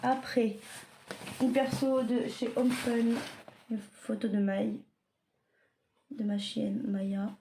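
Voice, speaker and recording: Young woman, home vlogger, slow halting delivery, bit high-pitched. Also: little pitch movement, dark tone. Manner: hesitant, many fillers and self-corrections. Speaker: vlogger showing her diamond painting stock. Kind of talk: casual show-and-tell. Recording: clear background noise.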